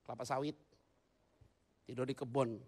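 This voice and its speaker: A male pastor preaching a humorous sermon in a church, moving between loud excited bursts and quiet asides. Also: medium pitch, moderate pace.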